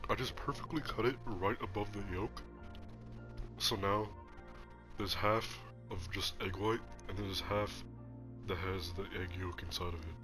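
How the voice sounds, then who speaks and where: A man's voice: low-pitched, fairly even intonation, measured pace, music in the background. A young man hosting a podcast in casual mukbang chat, sniffling and talking while he slurps noodles. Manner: chatty, talks while eating and slurping noodles. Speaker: podcast host.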